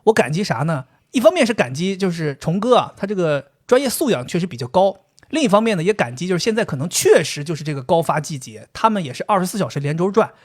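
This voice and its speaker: Animated, fast-talking husky man. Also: high-pitched. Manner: animated storytelling, laughs often. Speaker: podcast co-host. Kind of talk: casual podcast chat.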